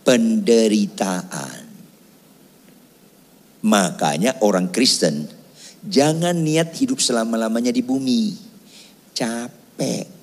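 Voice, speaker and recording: A middle-aged male pastor preaching a lively, joking sermon, quizzing the congregation and at times shouting. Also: medium pitch, measured pace. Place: large church hall. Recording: long church hall reverb.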